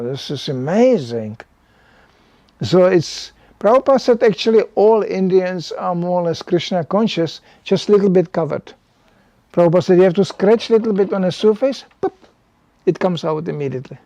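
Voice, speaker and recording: An older man, by birth, preaches in English to a small group in a loose, chatty way, leaning on "you know" as he goes. His voice sits a little high but sounds mellow and dark, and the recording is dry and close. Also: moderate pace, no room sound, highs cut off. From Czechoslovakia. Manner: conversational, animated, frequent "you know". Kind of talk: sermon to a small gathering.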